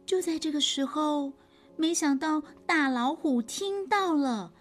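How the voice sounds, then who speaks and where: Woman storyteller for little kids, high and animated, unhurried. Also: faint music behind. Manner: animated, gentle, addresses the child warmly. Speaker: storyteller for children. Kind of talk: children's story reading.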